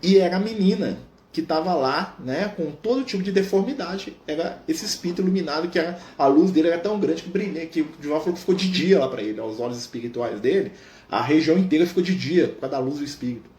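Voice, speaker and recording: A man leading a Spiritist study, telling a story in an animated way and tagging almost every phrase with a questioning "right?". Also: on the high side, quick pace. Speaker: Spiritist study group leader. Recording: echoey room with faint noise.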